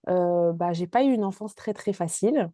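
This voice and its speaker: A woman in her twenties from Marseille, France, speaks hesitantly with many fillers as a guest in a casual podcast interview. Her voice is on the low side with a dark tone at a normal speed. The studio-quality recording has no room sound.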